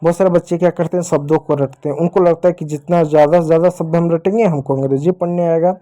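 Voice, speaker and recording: Male teacher, north indian hindi accent, mellow warm tone, patient repetitive whiteboard explaining to kids. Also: on the high side, steady tone, quick pace. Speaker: English teacher. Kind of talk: whiteboard lesson for children.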